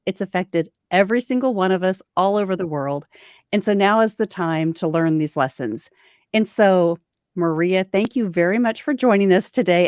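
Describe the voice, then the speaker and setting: A woman's voice: on the low side, a little mellow, no room sound, studio quality. A woman hosting an online interview, chatty and enthusiastic. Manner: enthusiastic, chatty, laughs often. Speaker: host.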